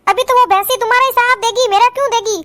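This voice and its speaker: A woman voicing a quarrelsome, sharp-tongued young sister-in-law who scolds and insults in a cartoon. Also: extremely high pitch, fairly quick, slight background noise. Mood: insulting. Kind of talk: cartoon voice acting.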